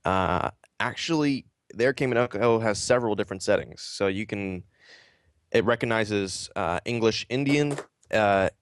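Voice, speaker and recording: A man hosting a casual live-stream interview, joking and relaxed. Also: fairly low pitch, moderate pace, clear, resonant tone, no echo. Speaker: interview host.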